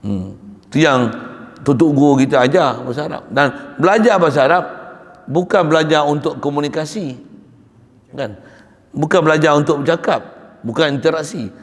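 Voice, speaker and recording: A man with a Malaysian Malay accent giving a morning religious lecture, talking in a conversational, animated way with storytelling asides. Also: a little high, normal speed, pauses often. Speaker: religious teacher. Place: mosque or religious school hall. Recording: long hall reverb.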